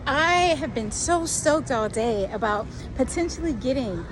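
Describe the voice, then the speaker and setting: A woman chatting in a casual vlog, excitable and full of casual slang. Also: high-pitched, slow. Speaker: reptile keeper vlogger. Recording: noisy background ambience.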